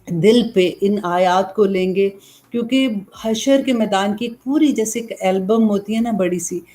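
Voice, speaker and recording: A woman's voice: mid-range voice, warm tone. A woman preacher giving an earnest religious lecture, asking questions and then answering them herself. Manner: earnest, explanatory, asks and answers own questions. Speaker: Islamic preacher.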